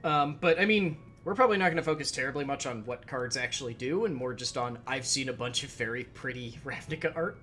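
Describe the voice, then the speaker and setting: A man's voice: medium pitch, fairly quick, few pauses, fairly bright tone. A man hosting a let's play, chatting casually and rambling, with occasional swearing while he reads game text aloud. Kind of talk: casual gameplay commentary. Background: game music.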